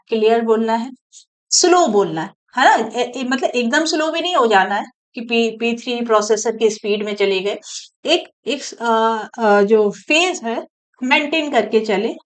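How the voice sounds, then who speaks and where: A woman's voice: a little high, fairly bright tone, rough recording. A woman teaching in a conversational coaching-lecture style, often adding tag questions to check in with her students.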